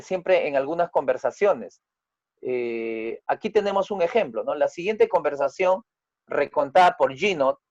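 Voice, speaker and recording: A man teaches a group lesson as a family therapist. His voice sits a little high and sounds dry and close, with no room around it. He explains patiently and keeps checking that his listeners follow. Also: darkish tone, no room sound, highs cut off. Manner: acts out quoted dialogue with raised pitch and volume.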